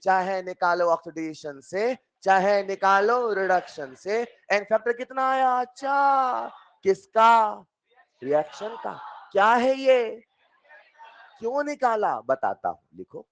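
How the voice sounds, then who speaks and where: A man teaching chemistry in an online class, coaxing his students with repeated questions and bursting into loud emphasis. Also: sits high, animated, takes it slowly. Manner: coaxing, repeats questions to students, calls them dear children. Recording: dull lo-fi sound.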